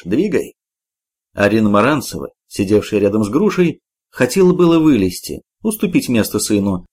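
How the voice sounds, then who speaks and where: A man's voice: on the low side, darkish tone, husky. A man narrating a novella as a home-made audiobook, reading expressively.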